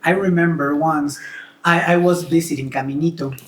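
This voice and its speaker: A woman's voice: low-pitched, fairly even intonation, normal speed, breathy edge. Rambling woman. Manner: warm, rambling, hesitant restarts. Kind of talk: casual chat.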